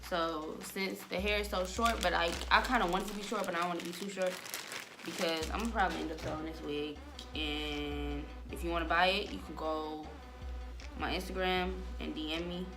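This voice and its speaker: A young American woman vlogs a wig-making tutorial, talking to camera in a loose, slangy, rambling way. Her voice sits on the low side, brisk and steady in tone, with music playing underneath.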